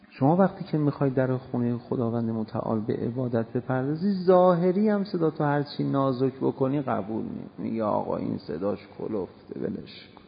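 Male preacher, raised pitch, gravelly edge, impassioned sermon swinging soft to loud; long hall echo, dull lo-fi recording.

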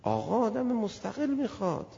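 Guy preaching in a big echoey hall, chatty and animated, muffled lo-fi sound. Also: sits high, vocal fry. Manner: animated, acts out little scenes and voices. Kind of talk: colloquial sermon to a gathering. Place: hall with an audience.

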